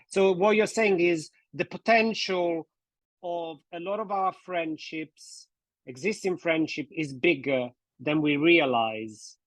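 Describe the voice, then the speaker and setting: A man hosting a podcast who asks clarifying questions in a polite, measured way. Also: fairly high pitch, dry recording. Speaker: podcast host, couples therapist.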